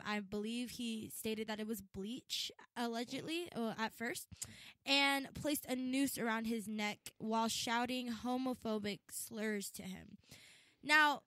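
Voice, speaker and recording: A woman's voice: on the high side, a bit bright, no room sound. A woman hosting a talk show, chatty, with easy laughs and a few restarts. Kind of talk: casual chat.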